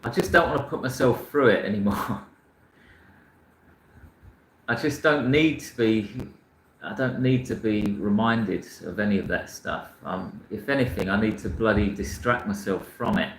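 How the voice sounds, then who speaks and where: This book channel host, a man from South London, has a voice on the low side and talks at a moderate pace, reading viewer comments in a casual chat. He's rambling and frank, often restarting and correcting his sentences. The low-quality recording sounds roomy, with a little hiss or hum.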